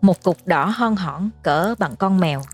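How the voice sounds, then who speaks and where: A woman narrating a horror story in a measured storytelling manner. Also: on the low side, animated. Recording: faint music underneath.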